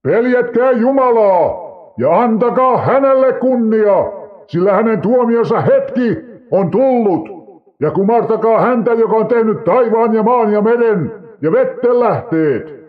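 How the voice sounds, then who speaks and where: A man voicing a proclaiming male angel of judgment, declaiming his words slowly and loudly. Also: sits high, animated, narrow, tinny audio, voice pushed up. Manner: declaiming, slow and raised.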